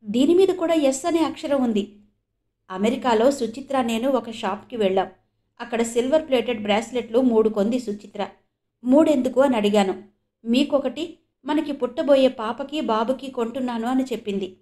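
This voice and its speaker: A woman's voice: a little high, normal speed, warm tone, lightly acted. A woman narrator voicing an emotional, earnest middle-aged father who asks urgent, pleading questions.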